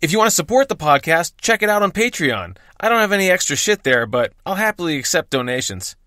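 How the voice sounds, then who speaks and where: An American man hosts with brash, wry patter in a scripted sign-off style. His voice is bright and forceful, on the high side, and recorded very dry. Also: big pitch swings, fast, no room sound. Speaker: bartender and podcast host. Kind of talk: scripted podcast intro and outro.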